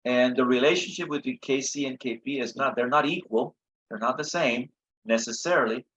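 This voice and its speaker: A man with a tired, worn, husky voice gives an informal review lecture as an instructor, haltingly and often checking in with short tag questions. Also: mid-range voice, fairly bright tone. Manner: halting, frequent checking "okay?" and "right?". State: tired, voice a little shot. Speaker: chemistry instructor. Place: online video session from a computer. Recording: slightly dull lo-fi audio.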